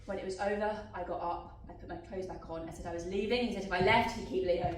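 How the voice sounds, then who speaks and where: A young woman acting a defiant, wounded wife live on a theatre stage, swinging between quiet and shouting. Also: medium pitch, fairly even intonation, fast talker, lightly acted. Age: young adult. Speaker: student actor. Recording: echoey stage from far off, faint noise.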